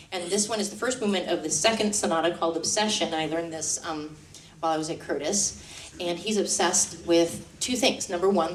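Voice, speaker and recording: A woman violinist telling stories from her life in a live one-woman stage show, chatty and self-deprecating, with light laughs. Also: lowish voice. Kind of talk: live stage storytelling monologue. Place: stage before a live audience. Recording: roomy hall, mic at a distance.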